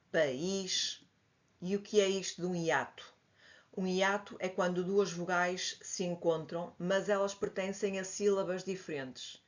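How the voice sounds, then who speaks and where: A woman with a European Portuguese accent, teaching a grammar lesson and patiently explaining, spelling examples out slowly. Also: fairly low pitch. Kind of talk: slide-based grammar lesson. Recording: dull lo-fi audio.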